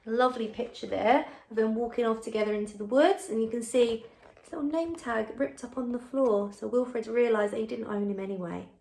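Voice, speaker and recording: In a rough recording, a woman with a slightly high voice and noticeable vocal fry reads a picture book briskly. She's a primary school teacher who is expressive and encouraging, chatting with her pupils and asking them questions.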